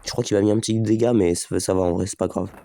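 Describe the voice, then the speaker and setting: A man with a slight head cold hosts a gaming video, moving quickly through casual let's play commentary in a warm, low-leaning voice with fairly even intonation. He chats, thinks out loud and speaks directly to his viewers as les gars.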